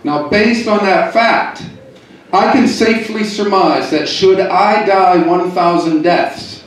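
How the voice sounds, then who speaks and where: A Pittsburgh-area man with a high-sitting voice performs stand-up in a hotel comedy club, landing deadpan punchlines with quick asides. The club is echoey and heard from far off.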